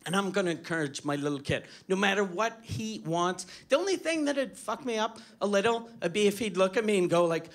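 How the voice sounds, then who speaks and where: A man's voice: sits high, expressive, a little fast, hardly any pauses. A man doing a stand-up comedy set with a Quebec French accent, crude and rambling, often laughing at his own jokes. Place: comedy stage before a live audience. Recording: live club recording with audience crowd and noise.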